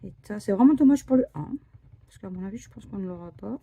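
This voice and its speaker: A woman scratching lottery tickets on camera, commenting slowly and often dropping to a whisper. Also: medium pitch, expressive, dark tone, husky. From France. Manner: slow, murmuring, often drops to a whisper. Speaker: scratch card vlogger. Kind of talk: casual scratch card commentary.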